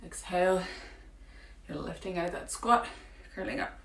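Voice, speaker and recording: A woman's voice: lowish voice, normal speed, creaky, fairly bright tone. Woman coaching a home workout, roomy. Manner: encouraging, counting through exercises. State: morning croaky voice. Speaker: fitness coach. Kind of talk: guided home workout instruction. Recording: roomy, from a distance with faint ambience.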